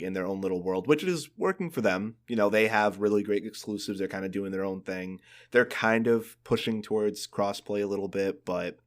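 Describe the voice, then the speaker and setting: Young male co-host with a low, deep voice, rambling and casual. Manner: rambling, many fillers. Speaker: podcast co-host. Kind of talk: casual gaming podcast chat.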